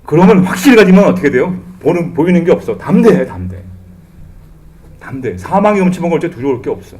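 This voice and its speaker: Animated man preaching a sermon. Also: on the high side, fast talker. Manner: animated, acts out quoted voices, humorous asides. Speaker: pastor. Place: church sanctuary.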